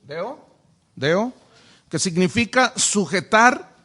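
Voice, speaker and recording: High-pitched and sharp, the pastor's voice is expressive yet slow as he teaches a Bible lesson in sermon style. He keeps asking his listeners rhetorical questions, speaking in a church classroom equipped with a whiteboard.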